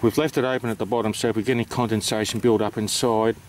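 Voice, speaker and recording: A man's voice: fairly low pitch, fairly even intonation, quick pace, slight background noise. A man with an Australian accent giving an informal, matter-of-fact explanation, hesitant and unscripted as he goes. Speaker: amateur radio operator presenting.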